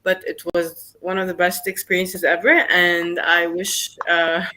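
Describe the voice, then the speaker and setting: A woman's voice: fairly low pitch, little pitch movement, unhurried, bright, forceful tone, low-quality recording. A woman from Egypt introducing herself on a work call, polite and a little hesitant. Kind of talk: self-introduction on a video call.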